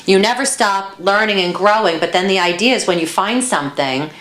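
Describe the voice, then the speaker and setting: A woman's voice: mid-range voice, brisk, a bit bright, reverberant, far from the mic. A woman co-hosting a show, chatting casually and encouragingly as she demonstrates a recipe in a home kitchen, often checking in with "okay?". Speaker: co-host.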